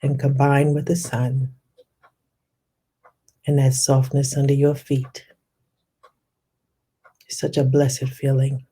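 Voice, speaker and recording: Speaking in a monotone with a medium pitch and breathy edge, a meditation guide softly and slowly leads a soothing guided visualization, lingering on descriptive words. The audio is poor.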